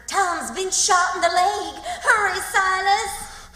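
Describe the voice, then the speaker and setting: Woman acting a high, breathless, excitable Southern aunt. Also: slow pace, faint music behind, full character voice. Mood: distressed. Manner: breathless, dramatic. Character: excitable, bossy, fretful country aunt. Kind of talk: radio theatre acting. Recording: echoey hall, faint noise.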